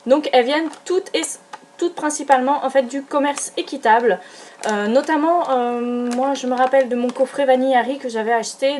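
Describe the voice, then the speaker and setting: A woman's voice: on the high side, darkish tone, a little hiss or hum. A young adult woman chatting casually through a beauty product haul, gushing and hesitant, with many fillers and restarts. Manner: enthusiastic, gushing. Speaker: beauty vlogger.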